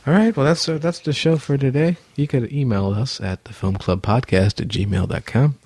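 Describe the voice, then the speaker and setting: A man's voice: mid-range voice, moderate pace, a little mellow, dry recording. A man hosting a film podcast in casual chat, laid-back and laughing often. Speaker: podcast host.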